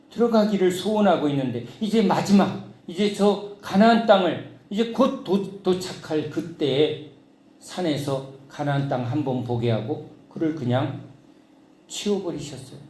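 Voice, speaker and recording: A middle-aged male pastor preaching with a somewhat high voice, animated and storytelling. He acts out his own grumbling prayers with lively emphasis. The sound carries the echo of a church hall. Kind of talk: sermon.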